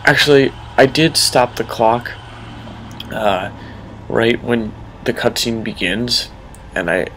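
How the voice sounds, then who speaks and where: Gamer commentator: young man, nasal and a bit gravelly, casual and explanatory. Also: fairly low pitch, a little hiss or hum. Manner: relaxed, explanatory, frequent ums. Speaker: speedrunner.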